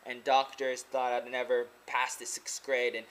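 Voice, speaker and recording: Speaking into a close-up laptop webcam in a small room, this twenty-something Oregonian who vlogs and teaches English rambles earnestly and casually, repeating himself and filling in with "like." His voice is medium-pitched and fairly bright, with a flat delivery at a moderate pace.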